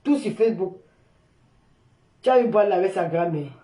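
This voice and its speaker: An older woman, loudly mocking and insulting someone in a heated, repetitive live-stream rant. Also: fairly low pitch, lively intonation, moderate pace. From Cameroon. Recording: echoey room.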